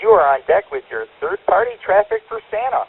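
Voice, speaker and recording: A man's voice: sits high, wildly swooping pitch, fairly quick, gravelly, slightly rough. A man running a radio net as control operator, heard over a two-way radio transmission and talking in folksy, upbeat radio lingo. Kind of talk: radio net check-ins. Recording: tinny radio channel.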